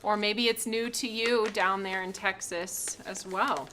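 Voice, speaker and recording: Bright, chatty woman hosting a craft reveal. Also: medium pitch, steady tone, measured pace, slight background noise. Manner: chatty, upbeat, laughs often. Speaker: craft shop host. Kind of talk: live product reveal and craft demo.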